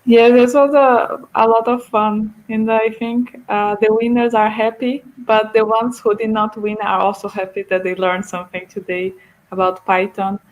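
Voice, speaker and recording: Woman from brazil wrapping up an online quiz, chatty, kinda high voice. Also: little pitch movement, normal speed, low-quality recording. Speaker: event co-host. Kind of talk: online meetup wrap-up.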